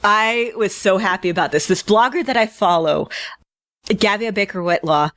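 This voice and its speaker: A woman co-hosts a fan podcast, chatting casually and enthusiastically about fan news, with wry asides and digressions. Her voice is medium-pitched and fairly bright, moving at a moderate pace with no echo.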